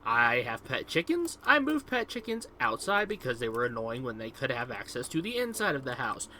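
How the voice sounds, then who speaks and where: A man's voice: medium pitch, very animated, moderate pace, sharp tone, a little hiss or hum. A young man, casually commentating on his own gameplay in a rambling, upbeat way, full of fillers. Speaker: gaming video host.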